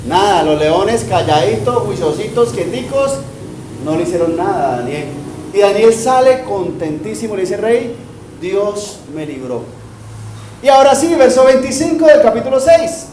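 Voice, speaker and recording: High-voiced Colombian pastor, playful sermon. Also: male voice, expressive, normal speed, background noise. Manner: playful, full of rhetorical questions and jokes. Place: church. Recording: roomy church hall with faint music.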